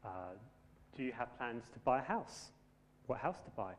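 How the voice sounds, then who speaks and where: Preacher in a reverberant church. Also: male voice, mid-range voice, lively intonation, moderate pace. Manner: conversational, self-deprecating humour. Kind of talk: sermon. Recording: long hall reverb.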